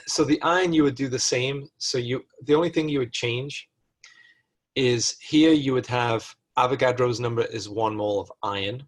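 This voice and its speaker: Guy lecturing on chemistry problems, talks it through out loud, fixes himself mid-thought, clicking behind. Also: mid-range voice, moderate pace. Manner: thinks aloud, corrects himself mid-sentence. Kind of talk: recorded lecture walkthrough.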